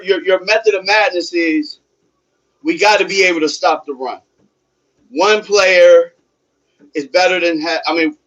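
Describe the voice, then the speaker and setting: High-pitched man ranting while on a treadmill. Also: fairly bright tone, dull audio. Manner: talking while exercising on a treadmill; emphatic, repeats phrases, poses rhetorical questions. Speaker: sports fan livestream host. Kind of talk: livestream sports commentary, casual rant.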